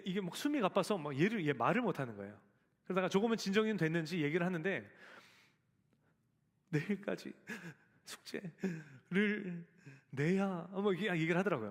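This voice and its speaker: Male pastor, 40s, storytelling sermon, speaks straight to the congregation, lively pitch, reverberant church hall. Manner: storytelling, acts out quoted voices; addresses the congregation directly.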